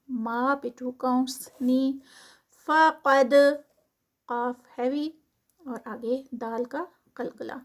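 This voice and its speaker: A woman teaching a tajweed lesson, reciting verses slowly and then explaining the rules of each word. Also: high voice, creaky, a little mellow. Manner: chants verses slowly, then explains rules briskly in Urdu-English mix.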